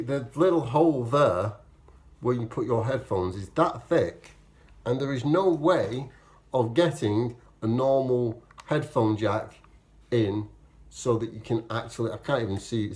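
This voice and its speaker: A man with a mid-pitched voice chats informally to camera in vlog style. His explanations ramble and double back as he corrects himself, often acting out what he was thinking. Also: darkish tone. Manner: rambling, self-correcting explanations with acted-out quotes of own thoughts. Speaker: vlogger, amateur marathon runner. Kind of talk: casual, chatty vlog to camera.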